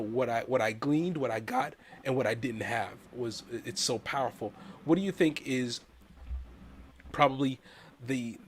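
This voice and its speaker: A man hosting a talk show, speaking in a heartfelt, halting way with many repeated words. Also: medium pitch, a little hiss or hum. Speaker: host. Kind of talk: casual chat.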